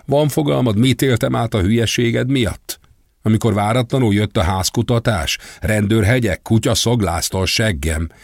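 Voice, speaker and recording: A man voicing a betrayed woman, shouting and cursing bitterly down the phone. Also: sits low, lively intonation, breathy edge, no room sound, clean studio sound. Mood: furious.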